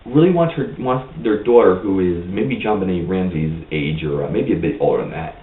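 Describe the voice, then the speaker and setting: Low voice guy ranting about a movie, kinda rambly, echoey room, tinny far mic. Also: moderate pace. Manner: blunt, opinionated, rambling. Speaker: movie reviewer. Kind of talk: casual vlog review.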